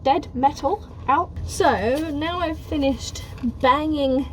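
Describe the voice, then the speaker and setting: A woman's voice: high voice, takes it slowly, fairly bright tone, a little hiss or hum. A woman chatting casually on camera while she does hands-on work converting a bus, upbeat and talkative. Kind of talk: casual vlog narration.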